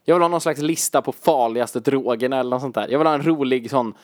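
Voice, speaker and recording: A man's voice: medium pitch, darkish tone, no room sound, studio quality. A young man co-hosting a casual podcast chat, telling stories animatedly and swearing freely. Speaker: podcast co-host.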